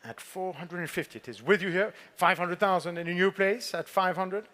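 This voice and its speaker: A man's voice: sits high, moderate pace, pushed and bright. A man working as a fine art auctioneer, calling and repeating bids in a poised, formal manner with polite prompts to bidders. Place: auction saleroom with bidders present.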